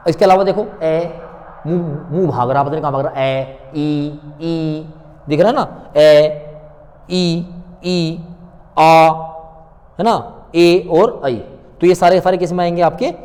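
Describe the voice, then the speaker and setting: A man teaching an exam-prep class, repeating sounds aloud and asking quick rhetorical questions. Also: high voice, dark tone, in a large hall. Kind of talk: online exam-prep lecture.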